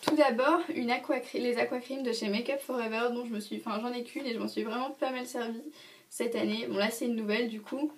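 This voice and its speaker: A woman's voice: on the high side, steady tone, fairly quick, far from the mic. A young woman vlogger reviewing her favourite beauty products in casual, hesitant talk full of fillers and restarts.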